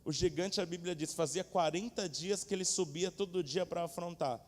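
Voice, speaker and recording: A man preaching a sermon from a church stage in a lively, colloquial way, speaking directly to the congregation. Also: high voice, normal speed. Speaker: pastor. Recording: echoey church hall.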